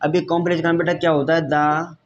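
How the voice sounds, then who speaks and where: The recording is muffled with a little hiss or hum, capturing a man delivering a whiteboard science lecture at rapid-fire speed. His fairly high voice stays flat as he repeats points, calls students "beta," and asks checking questions often to see if they've understood.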